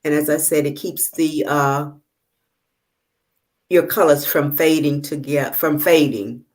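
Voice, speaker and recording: Low-voiced woman demoing makeup. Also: steady tone, a little mellow. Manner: halting, many fillers while working; checks the viewers can see. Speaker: makeup tutorial host. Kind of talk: casual live demonstration. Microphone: video call.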